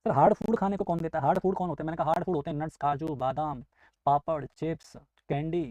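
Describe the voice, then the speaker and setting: Rapid-talking male teacher. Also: fairly high pitch, steady tone, darkish tone, dry recording, rough recording. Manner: explains step by step, mixes English into Hindi; acts out students' questions and his replies. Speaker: nursing exam teacher. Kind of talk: live online class.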